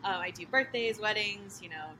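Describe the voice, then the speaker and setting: Speaking at normal speed in a medium-pitched voice, a young woman from Costa Mesa, California, chats about her home baking business as a casual interview guest. Her relaxed talk is peppered with "like" and "you know," and the background is noisy.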